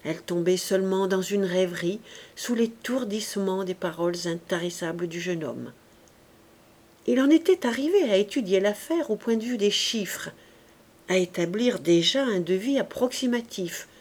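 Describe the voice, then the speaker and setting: A woman narrating a classic novel as an audiobook, with measured, even storytelling. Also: mid-range voice. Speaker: audiobook reader.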